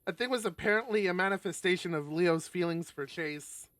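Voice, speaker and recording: A high-pitched, fairly quick man reads from a visual novel on his game stream, and between passages he chats casually and sometimes swears. His tone is fairly bright, with no echo.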